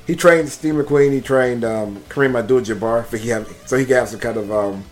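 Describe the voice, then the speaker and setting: Man in his thirties, relaxed podcast co-host, jokes and swears, faint music underneath. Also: mid-range voice, a little fast. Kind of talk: casual movie chat.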